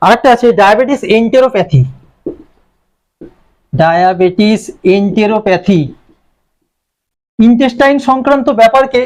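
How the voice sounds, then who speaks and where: Lecturing on medicine as if in a classroom, a Bengali-accented man speaks with an extremely high pitch and a darkish tone. He defines terms along the way and raises questions only to answer them himself.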